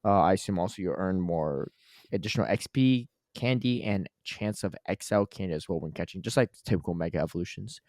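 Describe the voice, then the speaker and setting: A man's voice: deep voice, fairly quick, darkish tone, no room sound, studio quality. A man co-hosting a podcast in casual chat, upbeat and talkative, giving long explanations. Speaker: podcast co-host.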